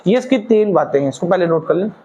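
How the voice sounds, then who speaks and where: A man teaching a physics class, talking slowly to his students and calling them "beta", asking questions and then answering them himself, often repeating key terms. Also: high voice, animated, warm tone, highs cut off. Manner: repeats key terms slowly, mixing English phrases into Hindi. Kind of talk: classroom lecture.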